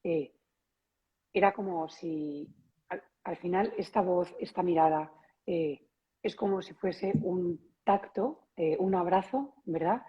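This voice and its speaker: Husky-voiced woman interviewer. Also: on the low side, slow pace, dull audio. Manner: searching, rephrases questions with many tags. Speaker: interviewer and yoga teacher. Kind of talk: interview questions.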